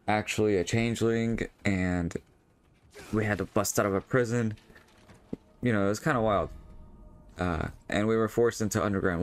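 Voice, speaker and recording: A young man vlogging in a casual, rambling way, full of fillers and restarts, with a voice he says feels strained. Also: lowish voice. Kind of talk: casual monologue over gameplay.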